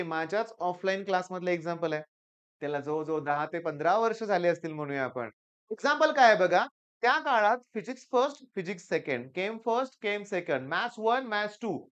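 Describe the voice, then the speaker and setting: A middle-aged tutor gives an emphatic, urging exam-prep talk to students, sharing anecdotes from his classes. His voice is high and smooth, and the audio sounds dull.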